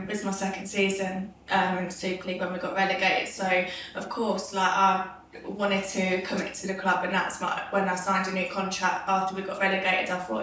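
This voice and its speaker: A woman footballer chats casually and giggles often. Her bright voice comes from a step away from the mic, with a strong room echo and a faint hiss. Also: mid-range voice. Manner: chatty and giggly. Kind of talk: casual chat. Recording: echoey room from a distance.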